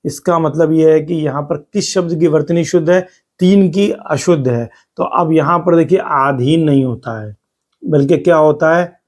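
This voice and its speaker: A man teaching exam spelling over slides, who repeats words slowly for stress and explains step by step. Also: a little high, darkish tone. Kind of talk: spoken lesson over slides.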